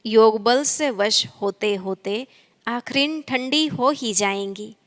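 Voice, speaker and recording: A woman reading a spiritual discourse aloud in a steady, measured way. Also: on the high side, long reverb tail.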